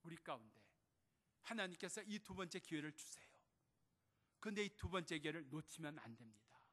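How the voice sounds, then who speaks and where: A man's voice: a little high, expressive, fairly quick, fairly bright tone. A male pastor preaching a sermon, telling stories and acting out the quoted lines. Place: church sanctuary. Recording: echoey church hall.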